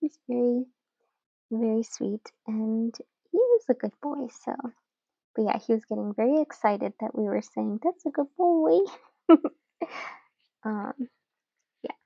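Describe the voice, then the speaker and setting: Slow, chatty young woman journaling. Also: a little high, vocal fry, no echo, muffled recording. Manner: relaxed, chatty, giggly, many fillers. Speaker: journaling channel host. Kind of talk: casual chat while journaling.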